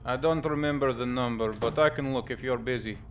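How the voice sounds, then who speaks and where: A man's voice: medium pitch, a little fast, a little hiss or hum, lightly acted. A man voicing an undercover male spy in a video game, speaking with an extremely thick Russian accent. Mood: evasive. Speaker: game character.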